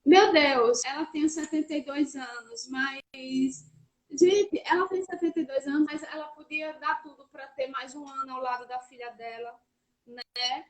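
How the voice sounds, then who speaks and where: A woman in her thirties with a high voice tells an emotional religious testimony, earnest and heartfelt. Her voice breaks now and then as she speaks, heard through a video call. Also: steady tone, unhurried, rough recording. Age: 30s. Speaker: guest sharing testimony.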